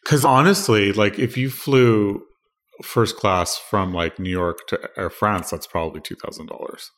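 Deep-voiced man co-hosting a chat. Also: fairly bright tone. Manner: quick affirming interjections, asks follow-up questions. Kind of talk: casual chat.

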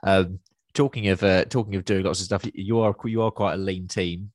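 Low-voiced man hosting a chat. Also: fairly even intonation, normal speed, no room sound, studio quality. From Essex, England. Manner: informal, restarts questions mid-sentence. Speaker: podcast host, interviewer. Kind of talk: casual chat.

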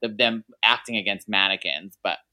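A man's voice: lowish voice, normal speed, bright, forceful tone. A man from New Jersey, a casting director hosting an interview, chatting in a rambling, casual way.

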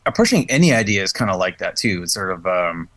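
A man's voice: low-pitched, very animated, fast, a bit bright, no room sound. A man hosting a podcast, chatting in a thoughtful, searching way and often restarting phrases. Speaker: podcast host, musician. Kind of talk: casual chat.

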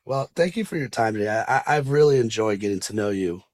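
A man's voice: lowish voice, animated, fast, a little mellow. A man hosting a podcast interview, talking loosely with many fillers and restarts. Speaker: podcast host.

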